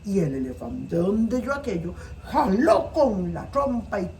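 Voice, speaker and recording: A woman with a Costa Rican accent, a storyteller telling folk tales in a playful, animated way. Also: mid-range voice, measured pace. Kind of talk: oral folk-tale telling. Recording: distant mic with faint noise.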